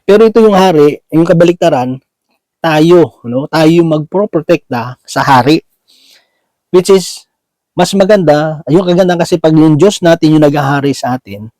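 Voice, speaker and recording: A man delivers a sermon in a relaxed, conversational way, with a warm, dark timbre pitched a little high. He often pauses to ask his listeners "right?" and drops English words into his speech. The sound is close and dry. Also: no echo, poor audio. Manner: conversational, keeps asking "di ba?" and "no?"; searching for words, many restarts and fillers. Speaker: preacher. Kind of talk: Bible teaching sermon.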